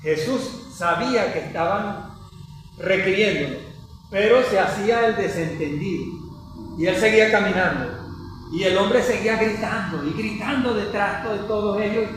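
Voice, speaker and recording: Over music, a high-voiced man at a moderate pace hosts a conversational Bible study, retelling scripture as a story. He frequently addresses and checks in with his co-host. The recording is echoey, with a distant mic and faint noise.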